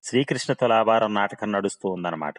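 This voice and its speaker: A man narrating a humorous story in a wry, steady reading voice. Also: lowish voice, fast talker.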